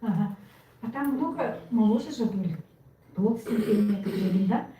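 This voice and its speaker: A woman's voice: medium pitch, lively intonation, moderate pace, dark tone, a little hiss or hum. Chatty woman in her sixties. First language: Yakut. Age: 60s. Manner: chatty, searching for words. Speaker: team member. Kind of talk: casual storytelling. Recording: echoey room, far from mic.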